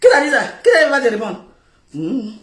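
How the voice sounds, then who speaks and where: Loud, laughing West African woman ranting. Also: high voice, big pitch swings, a little fast. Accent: West African French. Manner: loud, laughing, repetitive scolding. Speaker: social media personality. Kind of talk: heated live video rant. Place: seated on the floor indoors, filming herself. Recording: roomy echo.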